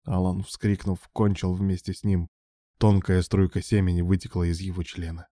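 Low-voiced male audiobook narrator. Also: little pitch movement, moderate pace, warm tone, dry recording, clean studio sound.

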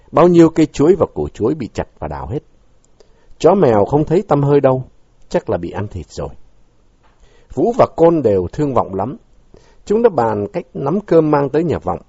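A man narrating a story as an audiobook, reading with expressive, dramatic delivery, on a dull lo-fi recording. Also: mid-range voice, slightly rough, no room sound.

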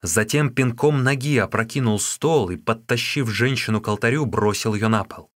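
Male audiobook narrator, mid-pitched, dry close sound. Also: moderate pace, fairly bright tone, no echo.

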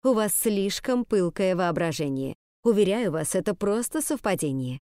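A woman's voice: medium pitch, big pitch swings, normal speed, a little mellow, clean tone, no room sound, studio quality, close to an everyday voice. A woman voicing a stern, irritable older headmistress with a stiff, reproachful manner.

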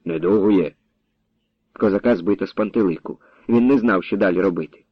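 A man narrating a story in an expressive, animated reading style. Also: on the low side, quick pace, husky, dry recording. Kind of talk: audiobook narration. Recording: dull lo-fi dry audio.

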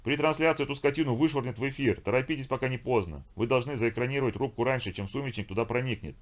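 A man's voice: mid-range voice, racing, pitched above the performer's own voice, lightly acted. A man voicing a brutal viking pirate chieftain in an audiobook, barking orders and threats. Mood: commanding. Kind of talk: audiobook character voice.

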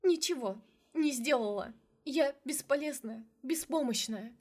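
A woman's voice: a little high, measured pace, slightly rough, voice pushed up. A woman voicing a distraught young woman who is crying, bitter and sarcastic through her sobs, in an audiobook. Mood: sobbing. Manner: sarcastic, then breaking into sobs. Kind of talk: audiobook character voice.

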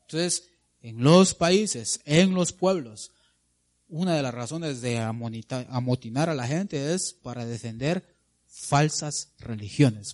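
A man's voice: medium pitch, darkish tone. A man preaching a sermon, dramatically asking the congregation questions and answering them himself.

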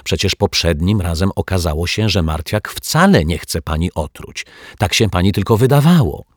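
Man doing a brisk, good-natured detective. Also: low-pitched, expressive, dry recording, studio quality. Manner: brisk questioning, quietly amused. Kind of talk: audiobook character voice.

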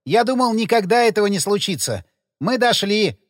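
A cheeky young traveller, as a male narrator puts him on, teasing and laughing in a high, bouncy voice. The reading sounds close and dry. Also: normal speed, dry recording. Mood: excited. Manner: teasing, lively.

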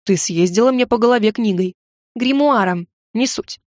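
A woman's voice: on the high side, moderate pace, dry recording, clean studio sound, natural voice. A woman voicing a teasing young dragon knight. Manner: easygoing, mildly mocking.

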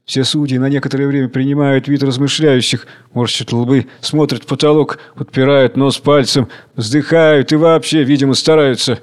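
A man reading a play aloud, delivering the stage directions in a measured, descriptive way. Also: medium pitch, steady tone, clean tone. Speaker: reader.

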